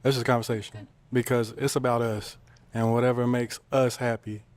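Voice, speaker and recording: A man's voice: mid-range voice, level tone, a little fast, no echo. A man from Texas on a dating show, talking in an easygoing, upbeat way. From Texas, Austin area. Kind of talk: casual dating show conversation.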